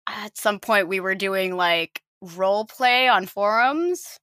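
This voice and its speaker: A bright-voiced woman in her late twenties, born in Finland, whose international-school accent sounds nearly American. She talks as an interview guest in a chatty, self-deprecating way. Her voice is close and dry, with no room behind it. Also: mid-range voice, slow, no room sound. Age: 20s. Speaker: podcast co-host, guest. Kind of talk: casual interview chat.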